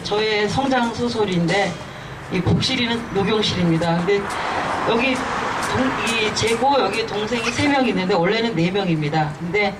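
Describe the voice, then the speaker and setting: A woman in her fifties, a children's author, giving a halting, earnest personal speech at an outdoor rally. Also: mid-range voice. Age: 50s. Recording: distant mic with loud street noise.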